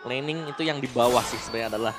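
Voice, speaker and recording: A man's voice: mid-range voice, racing. A man giving explanatory, analytical esports caster commentary on a live match. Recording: loud music behind commentary. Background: music.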